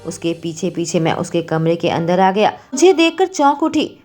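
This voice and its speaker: Woman reading a romance story out loud, emotive, soft music in the back. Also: on the low side, very animated, moderate pace. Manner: emotive, first-person narration. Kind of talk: dramatic story narration.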